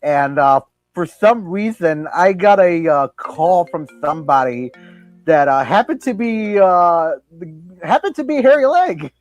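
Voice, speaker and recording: A man's voice: high voice, animated, measured pace, highs cut off, soft background music. A young man hosting a casual interview, rambling and hesitant with many fillers. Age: young adult. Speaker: host.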